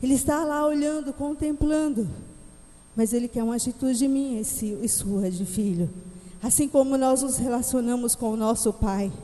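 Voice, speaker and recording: In an echoey church hall, a woman preacher with a warm, slightly high voice delivers an emphatic, dramatic sermon to her congregation at a normal speed.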